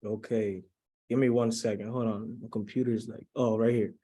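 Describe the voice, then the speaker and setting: Mellow and lowish, this young man's voice barely moves in pitch and runs at normal speed. In his twenties and from the Dominican Republic, he runs a motivational webinar by video call, staying pumped up and constantly checking in with the audience to keep them engaged.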